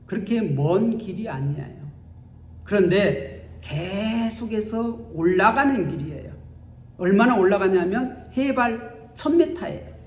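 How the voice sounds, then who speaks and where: A man's voice: high-pitched, a little mellow. A male pastor giving a Sunday sermon in a church, telling the story dramatically and acting out its scenes. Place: church sanctuary. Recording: echoey church hall.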